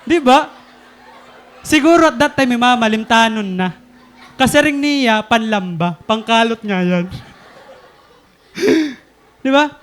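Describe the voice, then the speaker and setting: A young man in his twenties with a Filipino accent, preaching a sermon as an animated story, laughing often. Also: very high-pitched, takes it slowly, long pauses, a little hiss or hum. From Philippines. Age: 20s.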